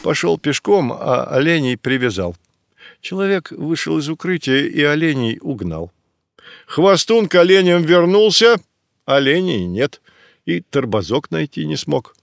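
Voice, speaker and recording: A man reading a folk tale aloud in a measured, plain storytelling manner. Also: on the high side, big pitch swings, vocal fry, dry recording, studio quality. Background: soft music.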